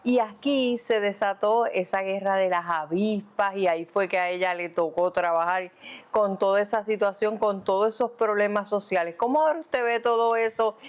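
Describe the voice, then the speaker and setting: A woman interviewing a guest, pausing and searching for her words as she asks questions. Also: medium pitch, rough recording. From Puerto Rico.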